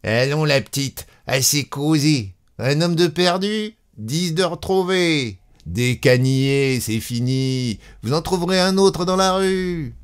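A man voicing a coarse, mocking male bus conductor with a gruff, jeering manner. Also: on the high side, expressive, takes it slowly, few pauses, voice pushed up.

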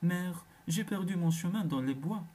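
A storyteller voicing a frightened, starving little girl lost in the woods who cries out in a high, loud voice. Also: moderate pace, lightly acted. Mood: timid.

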